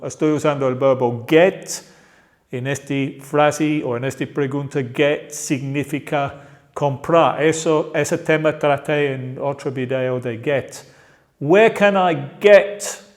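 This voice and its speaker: A British man teaching an English lesson in Spanish, with an English accent, slowly drilling example sentences. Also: on the high side. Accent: British English speaker talking Spanish. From Britain. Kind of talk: language lesson.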